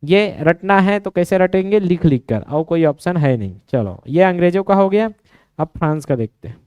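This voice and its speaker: A high-pitched man teaches an exam-prep history class. He keeps firing quick questions at his students and drills them on memory tricks, his voice smooth and clear with a dry, close sound. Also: lively intonation, a little mellow, no room sound.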